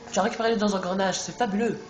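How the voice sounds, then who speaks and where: A man voicing a gremlin mechanic from a video game, reading the lines quickly. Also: sits high, fairly even intonation, close to an everyday voice. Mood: eager. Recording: echoey room, music behind.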